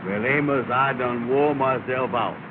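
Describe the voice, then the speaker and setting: An actor playing Andy, a lazy, self-important man who bosses and complains in a slow dialect, on an old 1930 film soundtrack. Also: medium pitch, phone-quality sound, background noise, lightly acted.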